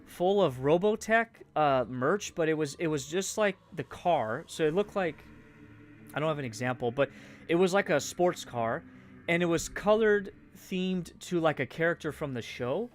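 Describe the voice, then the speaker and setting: A man's voice: a little high, animated, normal speed. Rambling Canadian man chatting while building. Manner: rambling, with frequent fillers and trailing off. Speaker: streamer. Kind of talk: casual chat while building a Lego set. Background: faint game music.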